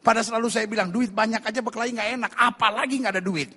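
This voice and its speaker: Gravelly, animated Indonesian pastor. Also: male voice, high-pitched, very fast. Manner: animated, joking, calls out to the congregation. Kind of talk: charismatic sermon with jokes. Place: church.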